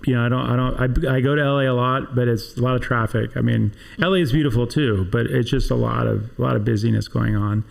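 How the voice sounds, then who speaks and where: A man's voice: medium pitch, fairly even intonation, fast talker, gravelly, few pauses. A man hosting a podcast interview for a trade association, talking in a chatty, rambling way with many restarts. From Southern California. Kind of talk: casual interview chat.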